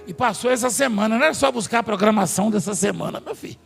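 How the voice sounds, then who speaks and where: This sermon comes from a man whose high, fairly bright voice races along with vocal fry. In a large church hall he tells stories and jokes with the congregation and staff, heard through long hall reverb with faint music behind.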